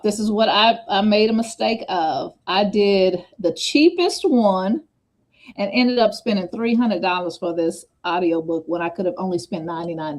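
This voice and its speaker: A woman hosting a casual livestream chat on a video call, talking fast and jumping between points with many asides. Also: mid-range voice. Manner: fast, scattered, chatty with repeated asides.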